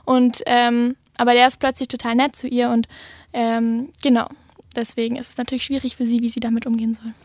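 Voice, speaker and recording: A woman author talks through her novel in a high voice that stays fairly level. She pauses often and fills the gaps with filler words. The sound is dry and close. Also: little pitch movement, no echo. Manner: hesitant, frequent filler words. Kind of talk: interview answers and reading aloud.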